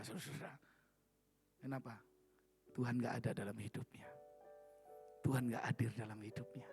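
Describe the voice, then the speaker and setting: Gravelly man preaching over soft music. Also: mid-range voice. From Indonesia. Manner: emphatic preaching with calls for amen, swinging from loud to soft. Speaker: pastor. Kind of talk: sermon. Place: church worship service.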